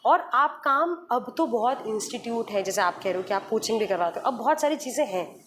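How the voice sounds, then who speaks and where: A woman radio jockey is being interviewed in a podcast conversation, explaining things patiently with examples and slipping in English phrases. Her voice is a little high, expressive, slightly fast and fairly bright, with slight background noise.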